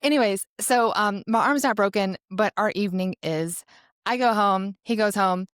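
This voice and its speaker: A young adult woman co-hosts a podcast, telling a personal story in a chatty, casual way, full of "like" and self-corrections, getting animated when she quotes herself. Her voice is medium-pitched and clean, at a moderate pace, recorded dry with clean studio sound.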